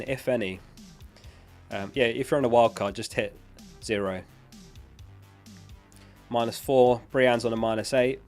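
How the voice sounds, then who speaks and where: With a medium-pitched, slightly mellow voice, a man casually hosts a livestream, reading viewer questions aloud and answering them matter-of-factly. Illness is making his voice start to give out, and he uses a close dynamic studio microphone.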